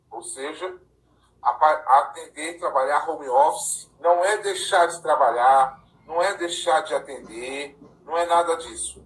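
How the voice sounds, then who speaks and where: A man from Paraná hosts a casual live-stream chat, his slightly high voice sitting back from the mic in an echoey room. He talks conversationally and keeps checking in with the listener through tag questions. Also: fairly bright tone, far from the mic. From Paraná, Brazil. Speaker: live-stream host and councilors' association president.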